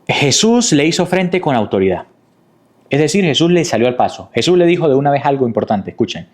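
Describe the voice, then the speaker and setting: A man's voice: a little high, big pitch swings, fairly quick. A man preaching a sermon in a teaching manner, asking rhetorical questions and repeating key points. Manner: didactic, with rhetorical questions and repetition.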